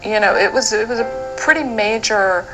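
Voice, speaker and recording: A woman's voice: on the high side, moderate pace, rough recording. A woman explaining history in a matter-of-fact, informative way during an interview. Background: music.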